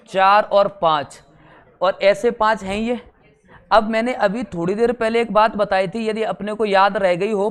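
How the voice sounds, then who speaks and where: A man's voice: high-pitched, clean tone. A male teacher giving an exam-prep grammar lesson, drilling syllables in chanted rows, joking along the way and repeating "theek hai" often.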